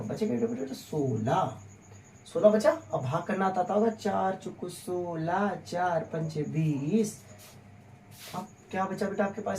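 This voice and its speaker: A man with a fairly high, slightly mellow voice teaches physics, solving problems on the board step by step while joking and teasing his pupils, whom he calls "beta". He's chatty throughout, and the recording is made from a distance in an echoey room with a little hiss or hum.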